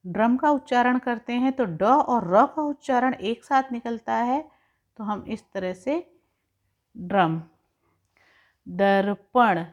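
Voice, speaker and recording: A woman teacher giving a recorded lesson to young pupils, slowly spelling out and stretching sounds to show how words are said. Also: on the high side. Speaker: primary school teacher. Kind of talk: slow, carefully articulated recorded lesson. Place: home, recording an online class. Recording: dull lo-fi recording.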